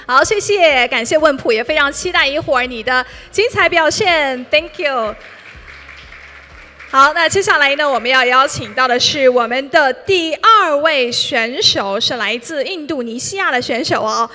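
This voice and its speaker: A bilingual woman emcee hosts a live esports event on stage, introducing players in Mandarin and English. Her high-pitched, expressive voice has a sharp tone and moderate pace, with upbeat, formal announcer phrasing.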